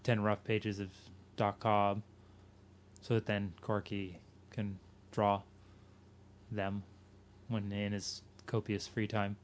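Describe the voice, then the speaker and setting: A man's voice: on the low side, flat delivery, slight background noise. A man co-hosting a podcast, teasing the others in casual chat. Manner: teasing, quick banter. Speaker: podcast co-host.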